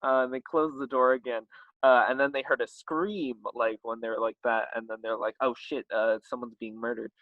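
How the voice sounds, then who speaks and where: A man's voice: medium pitch, a little fast, dry recording, narrow, tinny audio. A man telling an improvised comic story, rambling and giggly, full of fillers.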